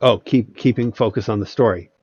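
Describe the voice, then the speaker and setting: A man's voice: lowish voice, steady tone, a little fast, a little mellow, slightly rough, dry recording. A man who runs tabletop games, giving meandering casual advice with many hesitations and restarts. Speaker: tabletop game master and video host. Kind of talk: casual rambling advice talk. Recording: dull lo-fi sound with faint background music.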